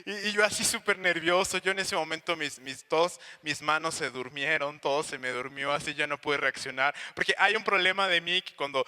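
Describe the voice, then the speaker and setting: Young Mexican male preacher, animated storyteller, very bright tone, fairly high pitch. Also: clear, resonant tone, in a large hall. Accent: Mexican Spanish. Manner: animated storytelling, acts out voices and sounds. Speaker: pastor. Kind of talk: sermon with personal story.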